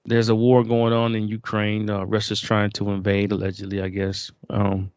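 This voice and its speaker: Low-voiced male co-host, emphatic and heated, dry muffled audio. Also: completely flat delivery, normal speed, darkish tone, smooth, no room sound. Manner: emphatic, rising to heated peaks. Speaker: podcast co-host. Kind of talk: casual discussion.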